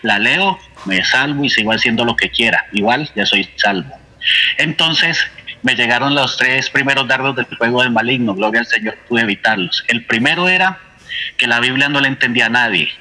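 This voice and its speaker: A man with a Colombian accent tells his faith testimony in an earnest, storytelling way. His voice is strikingly bright and forceful, sitting at an ordinary middle pitch. He keeps voicing his own past thoughts as he goes. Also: normal speed, rough recording. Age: adult, with a son. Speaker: church member giving testimony.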